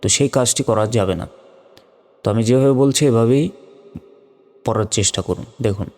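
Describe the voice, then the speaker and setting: A man teaching Arabic letter pronunciation in a slow step-by-step lesson, drawing out and repeating each sound. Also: medium pitch, a little mellow. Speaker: Quran teacher. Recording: long hall reverb with faint music.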